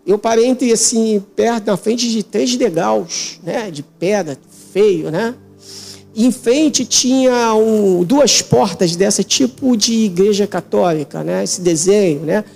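A man's voice: sits high, slow, gravelly, darkish tone, faint music behind. A man recounting a religious vision in an interview, emotional and repetitive, often checking in with his listener. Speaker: interview guest giving testimony.

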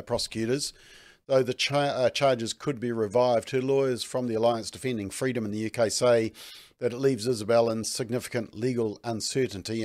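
A man's voice: medium pitch, a little mellow. A man hosting a news commentary segment, speaking with a sarcastic edge. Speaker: host.

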